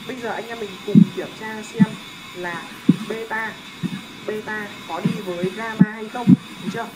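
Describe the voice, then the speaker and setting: A young man teaching a math lesson in a casual, joking way, often checking that his students are following. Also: high-pitched. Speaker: math tutor. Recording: loud background noise.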